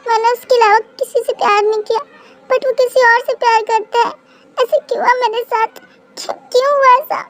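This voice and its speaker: A shy young college girl who stammers through tears, as a high-voiced reader puts her on. Her voice sits very high, and her sentences break and restart. This is a homemade fan-dub audio drama. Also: steady tone, fairly quick, a bit bright, a little hiss or hum. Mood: heartbroken. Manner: stammering, tearful. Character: tearful shy young female college student.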